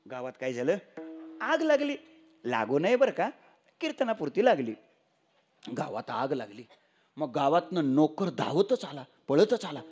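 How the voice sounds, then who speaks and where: High-pitched man preaching a comic kirtan. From Maharashtra. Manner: humorous, teasing rhetorical questions to the audience; animated, acts out the characters in his story. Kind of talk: kirtan sermon with comic storytelling.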